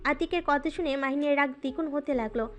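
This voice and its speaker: A woman doing scripted narration of a romance audio story in a smooth, even storytelling manner. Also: high-pitched, brisk.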